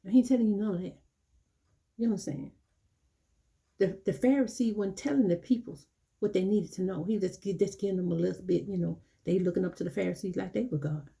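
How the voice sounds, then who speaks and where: A woman's voice: medium pitch, creaky, dark tone. A woman preaching an informal sermon, scolding her listeners and repeatedly asking "you know what I'm saying". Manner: acts out quoted churchgoers in dialogue.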